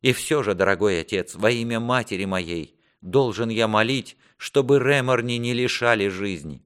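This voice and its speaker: A man's voice: lowish voice, moderate pace, fairly bright tone, clean tone, voice pushed up, natural voice. A man voicing a repentant young prince who earnestly begs his father for mercy. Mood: pleading. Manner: earnest, imploring. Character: repentant young male prince, pleading son.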